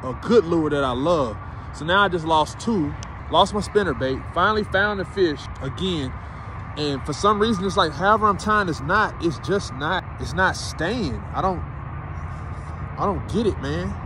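A man's voice: on the high side, normal speed. Laid-back man rambling to his phone. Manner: relaxed, rambling, cussing freely. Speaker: vlogger. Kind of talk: casual vlog chat. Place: in a parked car, then outdoors by a lake. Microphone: phone held at arm's length. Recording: noisy outdoor phone recording.

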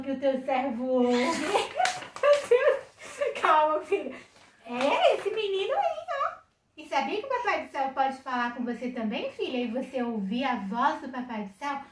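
A young Brazilian woman gives a children's Bible lesson to her little daughter, exclaiming and coaxing in a sing-song way. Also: high-pitched. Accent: Brazilian Portuguese. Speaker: mother teaching a Sunday school lesson. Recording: echoey room, distant mic.

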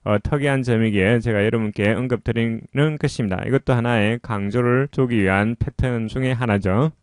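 A man teaching English pronunciation, explaining patiently and often pausing with "자" between points. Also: medium pitch, smooth, no room sound, clean studio sound.

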